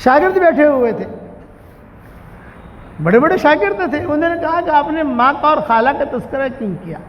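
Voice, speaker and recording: A man preaching a storytelling sermon, animated, acting out the characters' dialogue as he tells the tale. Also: very high voice, slight background noise. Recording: dull, muffled recording in a large reverberant hall.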